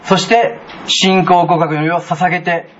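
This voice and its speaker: A man pastor with a Kansai accent, preaching a sermon in a chatty, animated way, with many asides to the congregation. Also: sits high, moderate pace, muffled recording, slight background noise. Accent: Kansai Japanese.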